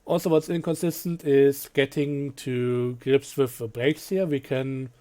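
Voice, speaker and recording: Mellow-voiced man reviewing a train game. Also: medium pitch, a little slow. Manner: relaxed, offhand, frequent fillers and dry asides. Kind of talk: casual game review commentary.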